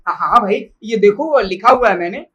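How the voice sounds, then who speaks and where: A woman's voice: mid-range voice, lively intonation, a little fast, fairly bright tone, natural voice. A woman playing a teasing, good-humoured husband in a stage play, who quotes lofty praise with mock grandeur. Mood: playful. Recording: roomy hall from far off.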